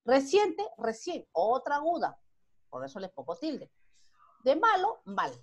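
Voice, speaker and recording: A woman's voice: high voice, wildly swooping pitch, unhurried. A Peruvian woman teaching a primary school grammar lesson online, who asks the class questions and then answers them herself. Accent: Peruvian Spanish.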